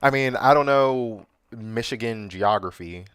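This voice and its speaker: A man's voice: mid-range voice, measured pace, a bit bright, smooth, dry recording, clean studio sound. A young man commentating casually on a livestream while reacting to news clips, loose, slangy and sarcastic, laughing at his own jokes.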